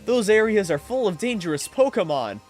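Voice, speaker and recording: A man's voice: sits high, sing-song, a little fast, faint music behind, voice pushed up. A man voicing a worried villager pleading for help in a raised voice. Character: worried villager who lost a pet.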